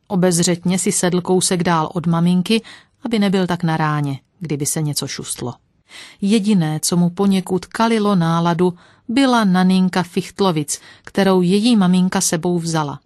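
A woman narrating a story aloud as an audiobook, with a gentle, lively manner. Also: on the low side, no room sound, clean studio sound.

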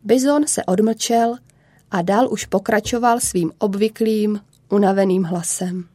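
Mellow woman narrating a children's story. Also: medium pitch, breathy edge, dry recording. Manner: calm, measured storytelling.

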